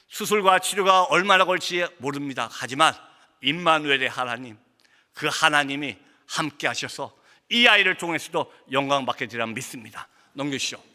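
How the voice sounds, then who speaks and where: High, bright-voiced preaching man in a reverberant hall. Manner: impassioned storytelling, acts out his own angry outbursts. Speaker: missionary pastor. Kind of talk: sermon testimony. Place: church sanctuary. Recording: long church hall reverb.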